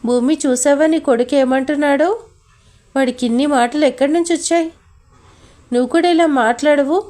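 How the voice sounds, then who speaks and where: A woman reads a cheerful aunt figure in a spoken storybook, light and teasing. Her high voice stays easy and natural. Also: brisk, darkish tone, lightly acted.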